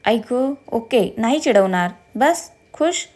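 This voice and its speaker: A woman's voice: a little high, expressive, slow pace, a little mellow. A woman voicing a playful, teasing young husband in a told story, joking with his wife.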